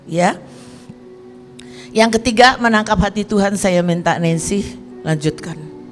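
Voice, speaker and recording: A woman preaching a sermon, swinging between loud pleading and soft, prayerful tones. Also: mid-range voice, steady tone, a little slow. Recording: reverberant hall with faint music.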